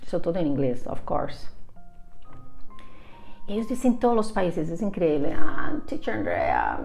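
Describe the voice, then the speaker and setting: A woman's voice: fairly low pitch, expressive, unhurried, creaky, dark tone, faint music behind. A woman in her forties from São Paulo with a Brazilian Portuguese accent, a native Portuguese speaker, telling stories as an English teacher in a chatty way, often laughing and ending sentences with "¿no?". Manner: chatty, laughing, frequent "¿no?" tags. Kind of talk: casual storytelling lesson.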